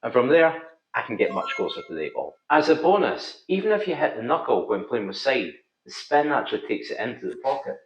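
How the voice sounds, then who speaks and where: A man's voice: medium pitch, sing-song, fairly quick, hardly any pauses, background noise. Scottish guy w thick accent doing a how-to voiceover, kinda echoey n slightly muffled audio. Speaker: pool instructor, video host. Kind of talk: scripted instructional narration. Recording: slightly dull, roomy echo.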